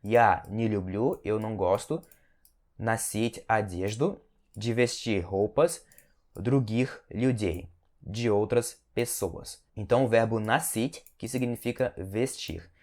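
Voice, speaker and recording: Brazilian guy teaching russian, says words slow and over again, keeps asking tá?. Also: lowish voice, a little mellow. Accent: Brazilian Portuguese. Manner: explains slowly, repeats Russian words drawn out for practice; ends phrases with a checking "tá?". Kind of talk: language lesson.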